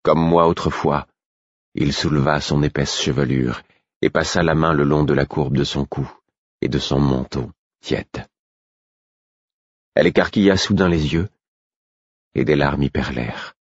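A man narrating a novel in the first person, with a husky voice and a measured, introspective reading. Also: a bass voice, dry recording, muffled recording. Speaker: audiobook narrator.

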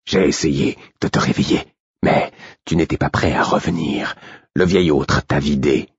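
Un loup fidèle et franc parle lentement, d'une voix très grave et rauque, lu par un homme. Le son est sec et légèrement étouffé, comme un livre audio. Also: male voice, rumbling low, steady tone, measured pace, creaky, husky, dry recording, highs cut off, heavily acted. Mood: blunt. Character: loyal male wolf companion, calm, blunt.

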